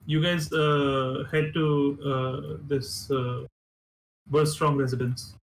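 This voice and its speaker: A man narrating as game master of a tabletop game over voice chat, halting with many filler words. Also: medium pitch, little pitch movement, vocal fry, rough recording. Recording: faint background noise.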